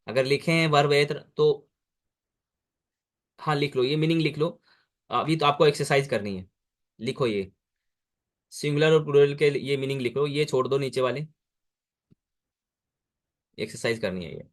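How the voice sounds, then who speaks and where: A man with an Indian accent teaching French to a student over a video call, patiently repeating words slowly. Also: mid-range voice. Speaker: French tutor. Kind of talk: online language lesson.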